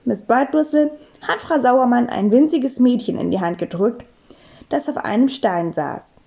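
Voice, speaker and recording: A woman narrating a children's book in a playful, expressive way. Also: fairly high pitch, unhurried, gravelly, muffled recording. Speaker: audiobook narrator. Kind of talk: lively children's audiobook reading.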